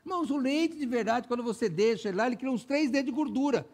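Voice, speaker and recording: A man's voice: very high voice, expressive, quick pace, darkish tone. A man with a Brazilian Portuguese accent, a pastor preaching a sermon in a conversational way, often speaking straight to the congregation. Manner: conversational preaching, frequent direct address to the congregation.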